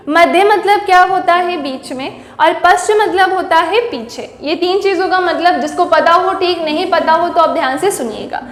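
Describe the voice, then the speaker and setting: A woman's voice: very high-pitched, a bit bright. A woman teacher giving a grammar lesson, who keeps asking the class questions and then answering them herself. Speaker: Hindi teacher. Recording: echoey room with long reverb.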